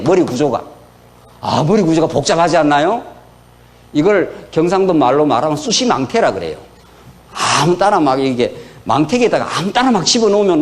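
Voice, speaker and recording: Animated man preaching. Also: high voice. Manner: animated, folksy preaching with rhetorical questions. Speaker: pastor. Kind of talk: sermon lecture.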